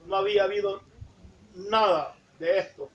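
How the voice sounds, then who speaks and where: A woman preaching a sermon in a church, fervent, tagging nearly every phrase with a call to the congregation and rising to shouts at the high points. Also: normal speed, reverberant, far from the mic, highs cut off. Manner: fervent, repeats "hermano, ¿verdad?" after nearly every phrase; rises to shouting at emphatic points.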